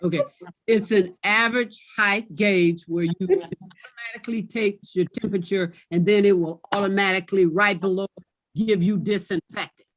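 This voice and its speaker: A woman with a mid-pitched voice explains things informally at a meeting. She is emphatic and repeats herself, and the recording is dry, with little echo. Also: fairly even intonation, moderate pace. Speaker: village manager.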